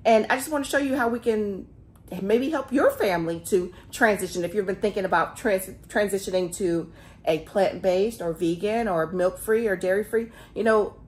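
A chatty woman in her thirties talks to her viewers in a casual home vlog. She speaks into a phone held close in her kitchen, animated and direct. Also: medium pitch, moderate pace. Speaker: family vlogger. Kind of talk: casual grocery haul vlog. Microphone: phone camera held close.

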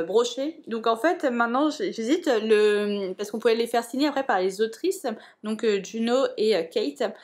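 A young woman chatting casually in a book vlog, full of fillers and restarts. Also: fairly high pitch. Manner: hesitant, many fillers and restarts. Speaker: book vlogger.

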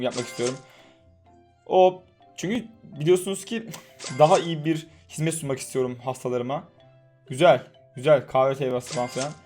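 A young man talks through a mobile game in a relaxed, chatty way, his voice sitting a little high. He jokes, curses playfully and coos at the characters, with faint music running under him. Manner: chatty, swears in jest, soothes game characters. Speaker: gaming YouTuber. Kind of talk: casual mobile game commentary.

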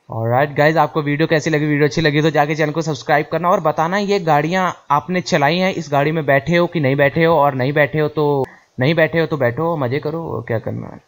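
A man giving excited live commentary over a driving game, often yelling and repeating words as the car climbs. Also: fairly high pitch. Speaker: gaming YouTuber.

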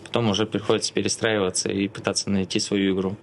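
A man in his thirties, a hockey goalkeeper, giving a halting, spontaneous interview answer inside an ice rink. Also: lowish voice, level tone. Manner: halting, hesitant. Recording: clear ambient rink noise.

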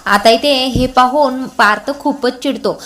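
A woman retelling the scenes of a TV serial in her own words, in steady storytelling with simple linking phrases. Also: sits high, a little slow. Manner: steady storytelling, links scenes with repeated "now here". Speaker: narrator of a TV serial's episode.

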